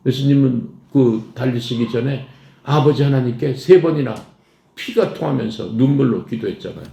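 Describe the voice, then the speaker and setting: Man, pastor, sermon, dark mellow tone, roomy echo, questions to the congregation. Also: medium pitch, normal speed, creaky. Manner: asks the congregation questions and answers them. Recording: echoey room with faint noise.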